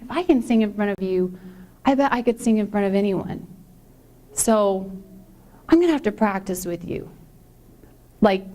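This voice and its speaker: A middle-aged woman giving a conference talk as a personal story, chatty and acting out the dialogue she quotes. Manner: chatty, acts out quoted dialogue with lively pitch jumps. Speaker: conference speaker.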